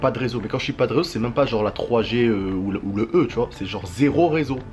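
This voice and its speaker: A man's voice: mid-range voice, fast talker. Slangy young man vlogging after wisdom teeth removal. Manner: slangy, animated retelling with sound-effect words. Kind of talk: casual vlog storytelling.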